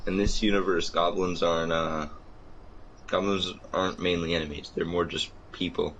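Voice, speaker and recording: A man narrating as game master of a tabletop game, halting often with uhs. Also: low-pitched, flat delivery, a bit bright, a little hiss or hum, poor audio.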